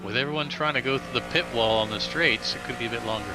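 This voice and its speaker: A man acting as race director for an online racing league, talking over group voice chat and briefing the drivers with relaxed "uh" pauses. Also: mid-range voice, music in the background, low-quality recording. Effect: heard over group voice chat. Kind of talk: casual voice chat, then giving a race briefing.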